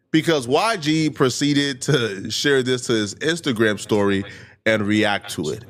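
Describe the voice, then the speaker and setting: Animated man hosting commentary. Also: medium pitch. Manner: animated, laughs easily, repeats for emphasis. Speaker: commentary show host. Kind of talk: casual commentary.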